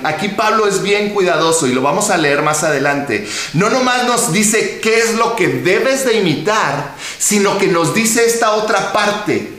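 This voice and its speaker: A man preaching, his voice pitched high and swinging widely as he stretches key words. He speaks slowly, asking rhetorical questions. The sound rings around a very echoey church hall. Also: fairly bright tone. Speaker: pastor. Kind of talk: sermon.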